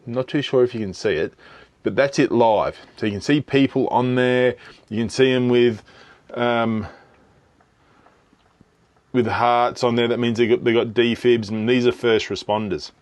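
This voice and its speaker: The voice belongs to an Australian man of medium pitch, with fairly even intonation and a moderate pace, recorded without echo. He's a travel vlogger chatting loosely to camera, restarting and filling as he goes, outdoors at tourist sites and later indoors.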